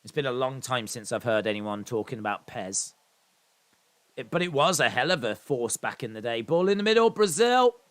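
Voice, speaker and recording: With a smooth, animated voice of medium pitch and a moderate pace, a man from England in his thirties runs a relaxed live watch-along. He rambles, chats and reads viewer comments aloud, slipping in self-deprecating remarks.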